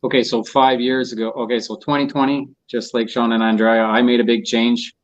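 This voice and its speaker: A man's voice: medium pitch, little pitch movement, brisk. A middle-aged man speaking over a phone call as a guest on an online panel, easygoing and casual. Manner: easygoing, laughs at his own tech troubles. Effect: heard over a phone call. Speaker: guest on a real estate webinar panel. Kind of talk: casual conversational answers. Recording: dull lo-fi phone audio.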